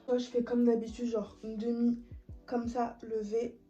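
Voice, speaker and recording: A woman's voice: fairly high pitch, flat delivery, measured pace, warm tone. A woman, chatting casually as she vlogs. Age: late teens. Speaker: vlogger. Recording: muffled lo-fi sound, music behind.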